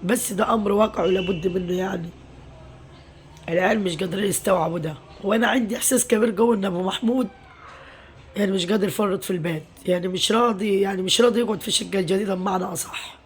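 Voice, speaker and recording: A woman's voice: mid-range voice, racing. A middle-aged Egyptian woman, a mother, confiding her worries in a casual vlog, weary and venting, full of pious phrases. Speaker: mother and home vlogger.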